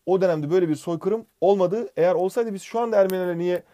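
A man's voice: sits high, warm tone. A young man teaching an exam-prep history lesson in a joking, chatty way, bantering with his student. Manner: fast, joking, addresses sidekick by name.

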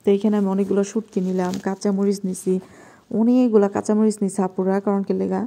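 Casting a Bangladeshi woman vlogger with a hushed night-time kitchen voice, very warm and dark. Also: mid-range voice, little pitch movement, fast. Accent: Bangladeshi Bengali. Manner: talking softly and quietly at night. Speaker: vlogger cooking at home. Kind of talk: casual cooking vlog narration.

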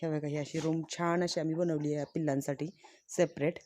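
A woman's voice: sits low, level tone, fairly quick, warm tone, a little hiss or hum. A woman chatting to her viewers in a farm vlog, showing her animals outdoors. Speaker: village vlogger. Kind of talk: casual farm vlog narration. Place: outdoors on a farm with goats and chickens.

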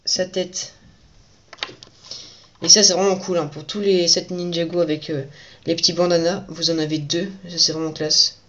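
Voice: medium pitch, level tone, normal speed, pauses often, a bit bright, lo-fi sound, a little hiss or hum. A toy reviewer giving casual commentary while building a set at home at night, chatty and repeating the same praise.

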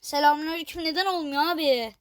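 A woman giving excitable, exasperated gameplay commentary for her channel, swearing in jest and talking to her viewers. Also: sits high, fast, dry recording. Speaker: gaming video creator.

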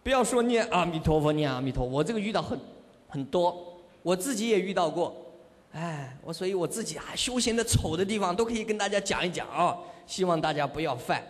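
A man giving a Buddhist sermon as a monk, telling lively stories with rhetorical questions and self-confession. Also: high voice, fairly quick. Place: monastery hall. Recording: long hall reverb.

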